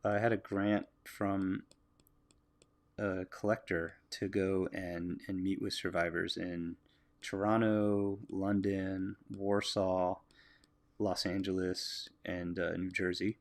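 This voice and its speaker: An American man livestreaming as he draws, musing aloud in a relaxed way and chatting with his viewers. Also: sits low, takes it slowly. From United States. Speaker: artist livestreaming a drawing. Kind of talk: casual livestream commentary while drawing.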